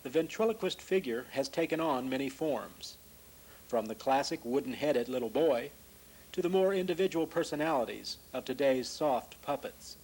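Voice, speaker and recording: A man's voice: mid-range voice, expressive, moderate pace, a little mellow, husky, poor audio. A man reading scripted news narration.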